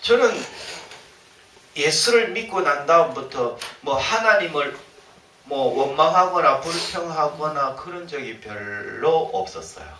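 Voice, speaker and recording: Animated Korean pastor preaching in an echoey church. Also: male voice, a little high, measured pace, a little hiss or hum. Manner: animated, acts out quoted complaints. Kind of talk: sermon. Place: church sanctuary. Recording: roomy church sound from a distant mic, faint ambience.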